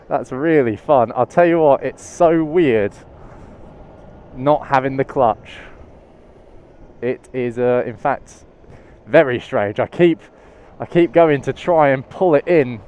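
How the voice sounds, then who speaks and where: A man giving chatty, excitable commentary while riding a motorcycle, through a helmet-mounted mic. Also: medium pitch, a little slow, muffled recording. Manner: chatty, excitable, many restarts and laughs. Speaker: motorcycle vlogger. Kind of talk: casual moto-vlog commentary while riding. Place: outdoors on a motorcycle in traffic. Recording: faint road and traffic noise.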